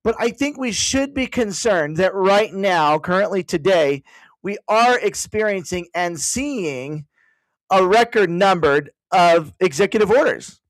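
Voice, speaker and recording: A high-voiced man with lively intonation speaks a little slowly while explaining things casually to viewers online from home. He digresses constantly with "by the way" asides and thinks aloud as he searches the web. The audio is low-quality but has no echo.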